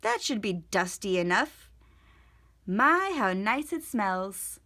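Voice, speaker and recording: A woman's voice: medium pitch, sing-song, takes it slowly, sharp tone, exaggerated voice. A woman voicing a cheerful, naive, literal-minded housemaid in a children's storybook, with an earnest, folksy, exclamatory way of talking. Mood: excited.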